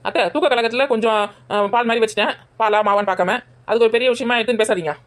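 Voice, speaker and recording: A woman playing a defiant rapid-fire daughter-in-law. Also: on the high side, close to an everyday voice. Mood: cheeky. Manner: argumentative, talks back fast. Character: defiant young daughter-in-law, sleepy and cheeky. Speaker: daughter-in-law in a family skit. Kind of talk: village family comedy skit.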